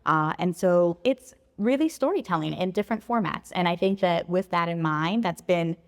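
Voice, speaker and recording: A woman in her thirties, a travel blogger raised in Philadelphia and born in Puerto Rico, telling her story in a clear, articulate podcast interview. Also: on the low side, animated, moderate pace, long reverb tail.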